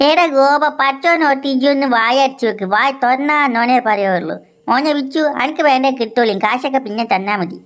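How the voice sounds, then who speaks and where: A woman's voice: sits high, brisk, close to an everyday voice. Woman doing a grumbling uncle. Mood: scolding. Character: grumbling uncle Gopa, a man.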